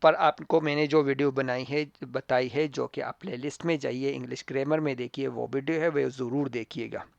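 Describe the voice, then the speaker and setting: A man teaching an English textbook lesson to pupils, with a Pakistani accent, drilling words slowly and repeating each sound loudly. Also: medium pitch, steady tone, vocal fry, dry recording, lo-fi sound.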